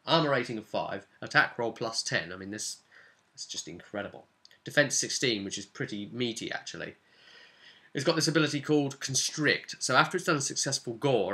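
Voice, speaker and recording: Speaking to camera in a pushed, bright mid-range voice, this man casually recounts recent events from the tabletop RPG campaign he runs as game master. Key words get extra stress, and his sentences tend to trail away into chatty side remarks.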